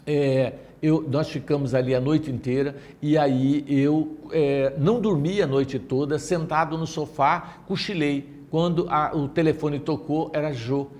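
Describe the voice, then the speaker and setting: A man's voice: fairly high pitch, steady tone, unhurried, hardly any pauses, a little mellow. A middle-aged man with a Brazilian accent, giving a spiritist talk as an emotional personal testimony, full of restarts. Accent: Brazilian Portuguese. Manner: emotional, vivid storytelling with many restarts. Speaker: lecturer at a spiritist center.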